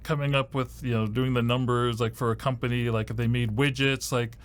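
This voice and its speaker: A man's voice: mid-range voice, fairly even intonation, fairly quick, clear, resonant tone. A man in his fifties from Ohio, a podcast host answering interview questions in a rambling way, full of "you know" and dry jokes, recorded in a podcast studio. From Ohio, USA. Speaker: host and first-year university advisor.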